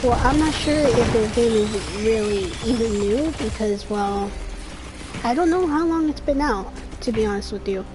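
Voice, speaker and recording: A streamer in her twenties talks through her gameplay in a loose, rambling way while game music plays, regularly losing her thread and restarting. Her fairly high voice is expressive and moderately paced, and her throat sounds dry and slightly scratchy.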